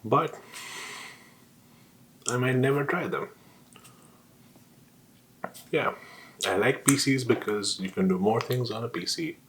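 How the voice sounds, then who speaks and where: A man's voice: mid-range voice, slow, long pauses, a bit bright, slight background noise. A man on a casual solo rant, talking while eating with his mouth sometimes full, often asking questions and answering them himself. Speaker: vlogger.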